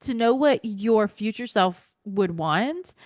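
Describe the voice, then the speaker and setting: A woman interviewer chats in an informal, supportive way. Her intonation swings in a lively manner, and the sound is dry, with little room around it. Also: mid-range voice, takes it slowly, no room sound. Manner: supportive, informal, frequent affirmations. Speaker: interviewer, host. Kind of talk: casual conversational interview.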